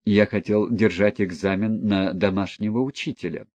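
A male reader voicing a gentle young prince who answers hesitantly and softly. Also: fairly low pitch, steady tone, moderate pace, dry recording, muffled recording, close to an everyday voice. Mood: timid. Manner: hesitant, soft, mumbling.

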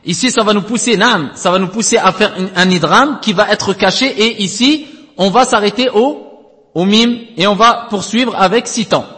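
A man's voice: sits high, normal speed, sharp tone, big-room sound. A man teaching Quranic recitation rules in a classroom lesson, explaining step by step, checking understanding with frequent tag questions, and chanting letters at length.

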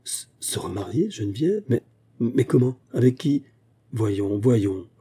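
A man's voice: medium pitch, a little fast, warm tone, slightly rough, close to an everyday voice. A man voicing a young husband who turns stammering and flustered. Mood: stunned. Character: young dark-haired husband, cheerful then flustered.

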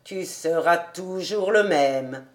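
A woman voicing an old male rabbi who protests loudly and fondly teases his friend, in an audiobook reading. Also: medium pitch, lively intonation, measured pace, close to an everyday voice. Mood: wry. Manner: heated, exclaiming.

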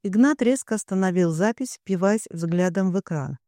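Fairly high-voiced male narrator, dry sound. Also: lively intonation, normal speed, dark tone, no echo. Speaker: audiobook narrator. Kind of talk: dramatic scripted narration.

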